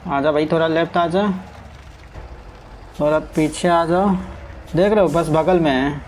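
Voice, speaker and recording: A man talks his way through a driving game in a loose, chatty flow, urging his truck along and talking to viewers. His voice sits a little high. Faint game sounds hum underneath. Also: fairly even intonation, unhurried, darkish tone, rough recording. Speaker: gaming streamer. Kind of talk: casual gameplay commentary.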